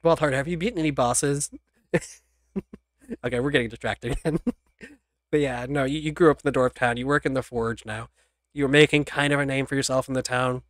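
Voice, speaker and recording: Game master, giggly, casual tabletop narration, dry close mic, middle pitch. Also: steady tone, a little fast, pauses often, no room sound. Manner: giggly, laughs often between lines. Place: home streaming setup.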